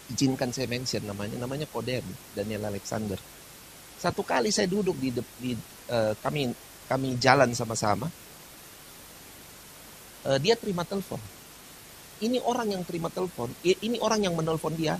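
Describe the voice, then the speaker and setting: A man preaching a sermon, telling stories with lively shifts. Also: medium pitch, gravelly, a little hiss or hum, rough recording. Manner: lively storytelling, sings worship lines slowly. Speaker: pastor.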